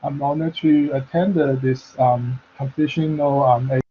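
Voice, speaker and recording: A man speaking as a guest over a bad video-call connection, his voice muffled, talking haltingly and checking whether he is heard. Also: mid-range voice, steady tone, slightly rough. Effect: muffled audio over a bad call connection. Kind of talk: online talk, opening remarks.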